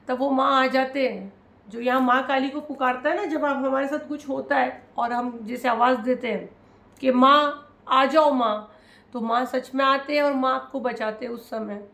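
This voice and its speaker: A woman's voice: high-pitched, vocal fry, reverberant. A woman giving a spiritual tarot reading, speaking emotionally and consolingly straight to her viewers. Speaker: tarot reader.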